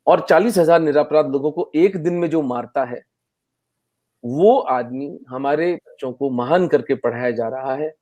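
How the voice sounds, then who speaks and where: Indignant man, high-pitched. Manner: forceful, indignant, switches into English phrases. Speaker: guest historian. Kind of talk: impassioned interview answer.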